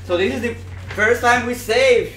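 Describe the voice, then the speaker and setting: A young adult man hosts a livestream from an indoor room on webcam, reading viewer comments and chatting to them directly in a casual, upbeat, excited way. His voice is very high-pitched and a bit bright at a moderate pace, and the echoey room has music playing behind him.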